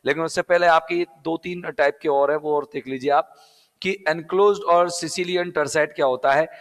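A man's voice: a little high, fairly even intonation, moderate pace, big-room sound. A male English teacher from Rajasthan with a Rajasthani Hindi accent, teaching a live exam-prep class step by step, repeating key words and asking and answering his own questions.

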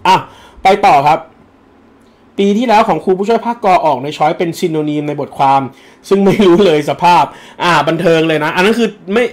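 A man's voice: high voice, fairly quick. A man teaching English for an entrance exam on a livestream, chatting and joking casually as he answers viewer comments. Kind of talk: live-streamed lesson answering viewer comments.

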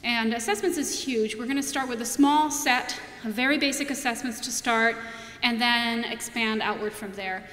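Standing at a podium on a large auditorium stage, a young adult woman delivers a product-feature keynote in a fairly bright, high-leaning voice, steady and at a moderate pace. Her style is conversational, full of fillers and restarts, and the far-camera podium mic records long, echoing reverb.

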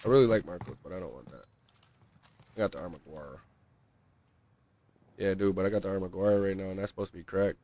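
A man's voice: deep voice, fast talker, pauses often, dark tone. A male game streamer chatting casually with slangy, profane banter while he plays. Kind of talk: casual gaming chat.

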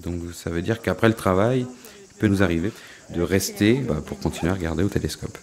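A man's voice: low voice, a little fast, a little mellow. A middle-aged man, a science educator, explaining things in an interview. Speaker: astronomy centre director and science educator.

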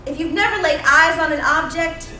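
The sound is roomy and off-mic, with a little hiss or hum, as a woman in her thirties preaches from a church sanctuary pulpit mic placed at a distance. She tells the story with emphatic repetition in an extremely high, sharp voice at a moderate pace.

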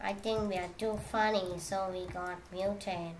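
A woman's voice: mid-range voice, a little slow. Woman, casual gaming chat, playful, silly sound effects, noisy recording with keyboard clicks. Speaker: gamer making videos. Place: at a computer, indoors. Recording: steady noise with keyboard clicks.

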